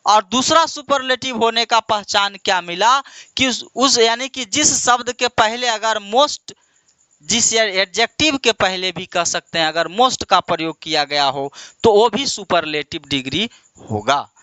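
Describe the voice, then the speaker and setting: Teaching English grammar, an Indian man speaks in a high, expressive, pushed and bright voice with a clean tone and no room sound. He calls his students "my dear," quizzes them call-and-response style, and answers his own questions amid drawn-out repetition of words.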